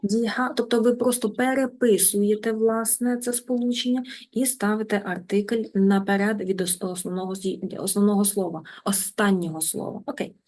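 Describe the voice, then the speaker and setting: A woman teaches an online language class at an even, middle pitch. She is patient and deliberate, slowing down to repeat each new word for her students. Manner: patient, repeats words slowly and drills them. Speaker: German teacher.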